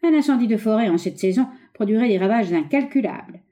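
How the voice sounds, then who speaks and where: A woman's voice: fairly high pitch, animated, quick pace, dark tone, pitched above the performer's own voice, natural voice. A woman doing a ruthless scheming young man.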